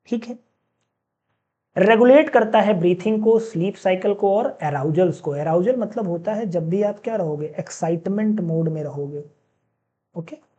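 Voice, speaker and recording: Chatty male teacher, mellow voice. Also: high-pitched. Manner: chatty, asks the class questions; mixes in read-out English sentences, slowly. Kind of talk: classroom lecture.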